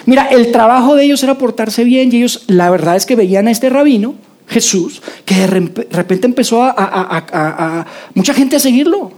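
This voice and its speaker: Una predicadora con acento mexicano da un sermón en tono conversacional e imita las voces de los personajes bíblicos. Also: female voice, fairly high pitch, warm tone. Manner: conversational, acts out voices of biblical figures. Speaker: preacher. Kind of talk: sermon.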